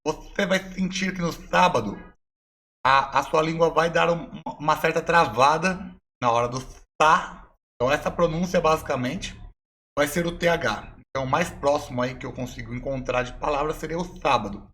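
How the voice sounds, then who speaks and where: Brazilian guy teaching english online, kinda high voice, patient, repeats stuff slowly. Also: fairly bright tone. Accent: Brazilian Portuguese. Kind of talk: online language lesson.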